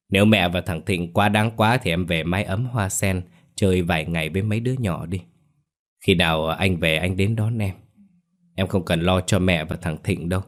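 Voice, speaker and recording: A man voicing a young husband comforting his wife in a calm, soothing way. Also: low voice, close to an everyday voice.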